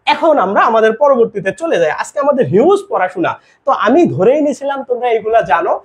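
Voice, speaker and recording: A teacher speaking runs a live online grammar lesson. The delivery swings animatedly up and down in pitch, loose and conversational with English words mixed in. They keep asking the class questions and answering them right away. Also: lively intonation, fast talker. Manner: casual, mixes in English words.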